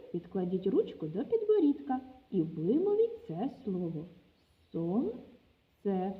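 A woman kindergarten teacher speaking Ukrainian with a local accent, leading a literacy lesson for small children and asking them questions. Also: fairly high pitch. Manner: slow, sing-song teacher talk with questions to children.

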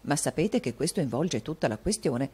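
A woman's voice: sits low, animated, moderate pace, mellow, slightly rough, exaggerated voice. A woman reading an audiobook, voicing a gossipy, meddling male actor with an insinuating, confiding tone. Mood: sly gossip.

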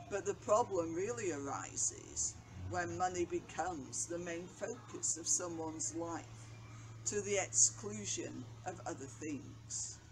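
Older woman vicar reading slowly. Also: on the low side. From England. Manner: slow, measured reading from notes. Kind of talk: daily reflection and prayers. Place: outdoors by a brick wall on a bench. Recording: noisy outdoor recording.

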